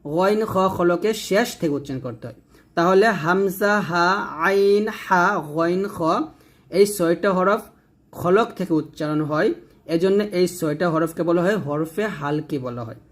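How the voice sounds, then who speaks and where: A man, teaching Quran reading slowly, drawing out each letter name and then explaining how it is said. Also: high voice. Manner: drawn-out letter names, then plain explaining. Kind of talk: slow step-by-step recitation lesson.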